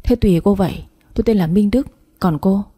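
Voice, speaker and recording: A woman's voice: medium pitch, brisk, mellow, slightly rough, natural voice. A woman voicing a clumsy young man who stammers polite apologies, in a spoken story. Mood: flustered polite.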